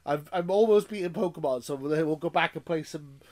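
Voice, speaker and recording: A man's voice: a little high, fairly quick, a little mellow. Giggly Welsh man. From Wales. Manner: giggly, laughs often, restarts a lot. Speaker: podcast co-host. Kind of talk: casual chat.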